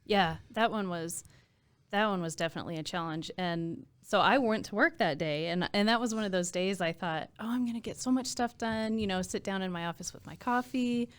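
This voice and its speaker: A mid-range, clean-toned voice belongs to an American woman who speaks briskly. As a podcast guest, this emergency dispatch supervisor and trainer is interviewed and talks in a casual, earnest way, full of admiration.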